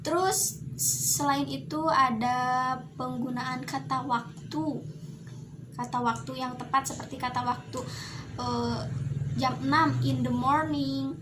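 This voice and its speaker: A young woman with a high voice talks slowly through a casual lesson review, pausing often and filling gaps with hesitant sounds. Steady noise hums under her voice throughout. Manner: hesitant, many fillers and pauses. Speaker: student presenting a review.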